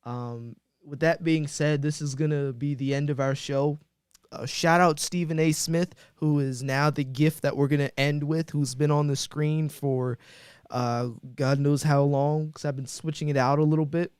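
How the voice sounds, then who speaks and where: A man's voice: fairly high pitch, steady tone, moderate pace, darkish tone, clear, resonant tone, dry recording. A man hosting a casual sports podcast, talking loosely with friends and rambling through his sign-off with plenty of ums and uhs. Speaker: podcast host.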